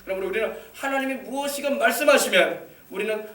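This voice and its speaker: A man's voice: sits high, fast talker, pushed and bright. A male pastor preaching an emphatic sermon, exhorting the congregation with rhetorical questions. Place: church sanctuary. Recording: echoey church hall, mic at a distance.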